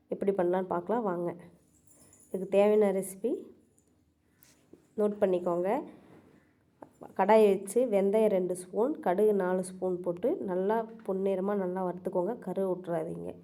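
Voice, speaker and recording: A woman hosts a home cooking video, chatting her way through each step. Her voice is mellow and warm, and she talks at a middling pitch. She keeps repeating words for emphasis as she explains. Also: little pitch movement, normal speed, long pauses. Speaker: cooking channel host. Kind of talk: casual recipe walkthrough.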